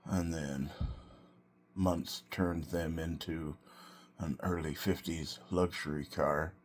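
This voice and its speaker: A man with a very low voice talks through a casual solo vlog. He takes his time, speaking slowly in short, broken phrases with a reflective, halting delivery. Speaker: vlogger and self-employed car restorer.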